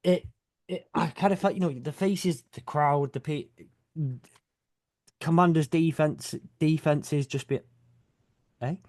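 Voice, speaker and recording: Rambling, jokey British podcast host. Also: male voice, fairly high pitch, fairly even intonation, measured pace, darkish tone, dry recording, clean studio sound. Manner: rambling, jokey, self-correcting. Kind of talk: casual chat.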